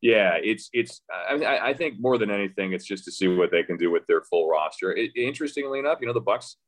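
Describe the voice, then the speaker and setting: Expressive and brisk, with a voice on the low side, this man is a radio play-by-play announcer guesting on a podcast. He discusses the game casually and conversationally, hesitating and starting over often as he thinks out loud.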